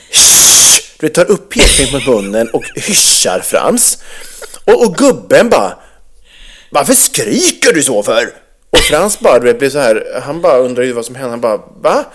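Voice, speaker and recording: A middle-aged man co-hosting a podcast, telling a story in casual chat with heated, swearing outrage. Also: mid-range voice. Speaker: podcast co-host.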